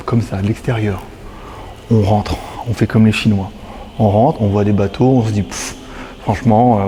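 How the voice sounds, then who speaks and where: A man's voice: medium pitch, warm tone, slight background noise. A man casually vlogging his way through an exhibition, chatty and loose, with frequent laughs and fillers. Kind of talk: casual vlog commentary. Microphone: handheld camera on a stabilizer.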